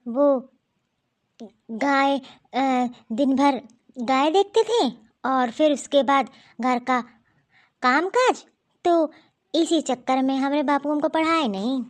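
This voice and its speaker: A woman voicing a shy, uneducated young village wife in an animated cartoon, who talks slowly and humbly. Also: high voice. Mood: meek. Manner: slow, humble village speech.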